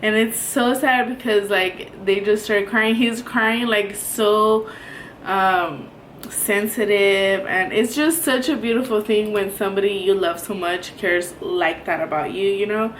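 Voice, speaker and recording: A woman's voice: mid-range voice, steady tone, a little slow. A young woman in her twenties chatting casually to camera as a beauty vlogger, rambling with many ums and likes. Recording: echoey room, faint noise.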